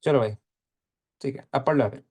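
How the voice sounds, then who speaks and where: A man's voice: mid-range voice, moderate pace, a little mellow, breathy edge. A young man teaching physics in a casual live lecture, coaxing students and repeating phrases.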